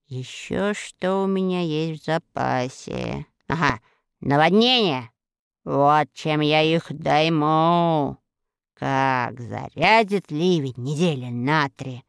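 A woman voicing an imperious, vengeful giant sorceress who schemes aloud in a lower, altered voice. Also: gravelly, fairly bright tone, clear, resonant tone, dry recording, studio quality, heavily acted. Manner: commanding, scheming, mutters to herself.

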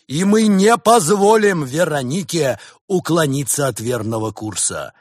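A man's voice: on the high side, no room sound, studio quality, voice pushed up. A man voicing a scheming male snow leopard preacher giving a strained, impassioned speech.

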